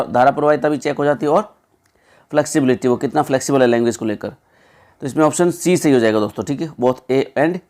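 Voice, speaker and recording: A young man working through exam questions as a teacher, chatty, often checking in with listeners, reading options slowly before explaining them. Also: mid-range voice, a little mellow. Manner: conversational, repeats "ठीक है" and "दोस्तों"; reads English options slowly, then explains.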